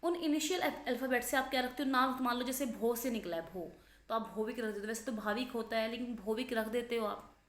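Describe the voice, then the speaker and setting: A woman with a slightly high voice teaches English vocabulary for exams, recorded in an echoey room. She talks in a chatty, explanatory way, spelling words out letter by letter and offering memory tricks. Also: a little fast. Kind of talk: exam-prep vocabulary lesson.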